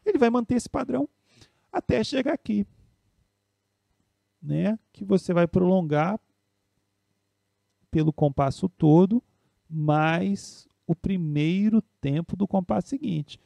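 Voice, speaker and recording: Brazilian male music teacher, patient step-by-step explainer, higher-pitched voice with a gravelly edge. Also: expressive, slow pace, long pauses, dark tone, no echo. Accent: Brazilian Portuguese. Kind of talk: spoken piano and music theory lesson.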